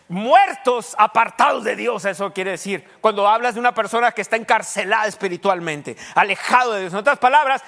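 A man's voice: very high voice, pushed and bright. A male pastor preaching a teaching sermon, quizzing his congregation and dropping English fillers. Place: church hall. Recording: echoey church hall.

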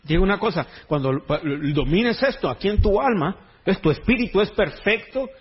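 Husky-voiced preacher, joking and lively. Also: male voice, high-pitched, fairly quick, highs cut off. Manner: joking, conversational preaching with Mexican slang. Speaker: pastor. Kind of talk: sermon.

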